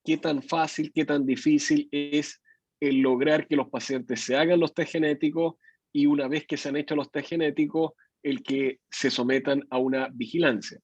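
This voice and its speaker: A man puts a quick question to the group in an online case discussion. His voice is fairly high and husky. The audio is dull and dry, like a lo-fi call. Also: steady tone, darkish tone, no echo.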